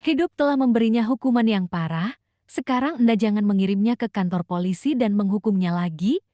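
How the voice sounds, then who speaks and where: An earnest, pleading older mother-in-law, voiced by a woman reading a drama recap. The voice is mellow and on the high side, recorded dry and close. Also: fairly quick, no room sound, lightly acted. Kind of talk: read-aloud drama recap.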